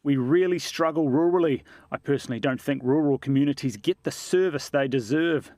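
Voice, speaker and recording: A man's voice: a little high, fairly quick, darkish tone, dry recording. A man, his voice electronically altered to hide his identity, speaking plainly as an anonymous police officer in a news interview.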